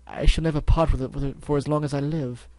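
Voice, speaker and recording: A man's voice: on the high side, fairly even intonation, fast talker, darkish tone, dry recording, lightly acted. A man voicing a refined, dramatic female pony dressmaker in a storybook reading, flowery and theatrical, with a stuffy nose. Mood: lovestruck. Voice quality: stuffy-nosed.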